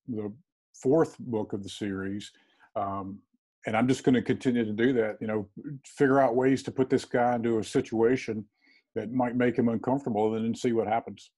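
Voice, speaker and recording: A man in his fifties speaks over a video call through earbud headphones from a small room at home. His voice sits low and mellow with a slightly husky edge. He talks thoughtfully, pausing often and restarting his sentences. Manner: thoughtful, halting, many ums and restarts. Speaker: crime fiction author, guest. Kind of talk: casual interview conversation. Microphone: earbud headset on a video call.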